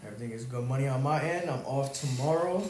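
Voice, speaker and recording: A man's voice: medium pitch, quick pace, darkish tone, roomy sound. A young man chatting casually on a podcast, laid-back and slangy. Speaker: podcast guest. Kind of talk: casual chat.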